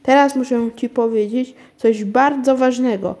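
A woman's voice: on the high side, fairly even intonation, unhurried, lightly acted. A tiny solemn magic bead, read by a woman. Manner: soft silvery little voice, solemn then impatient.

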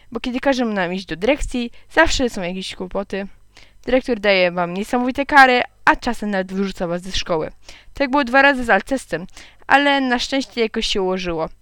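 A woman reading a children's story aloud in a lively, expressive way, with occasional slips she corrects. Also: fairly high pitch, moderate pace, clear, resonant tone, no room sound. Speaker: narrator.

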